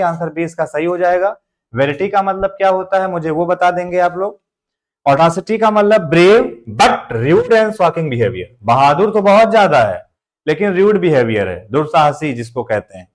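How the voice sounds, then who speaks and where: A man with an Indian accent teaching English grammar in a live online class, joking through memory tricks and reading out viewers' names. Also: fairly high pitch. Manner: jokey mnemonic explanations, reads out viewer names; motivational.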